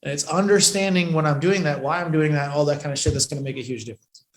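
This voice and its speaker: A man running a live coaching session, swearing freely and hammering his points home, swinging between loud bursts and hushed asides. His voice sits a little high, and it rings in an echoey room. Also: fast talker. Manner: profane, emphatic, shifts between loud and hushed. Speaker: business coach.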